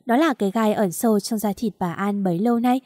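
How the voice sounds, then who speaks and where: Một người phụ nữ đọc truyện audio, giọng kể đều và giàu kịch tính. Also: female voice, mid-range voice, fast talker, no room sound, clean studio sound. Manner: steady, dramatic storytelling. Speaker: audiobook narrator. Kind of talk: scripted story narration.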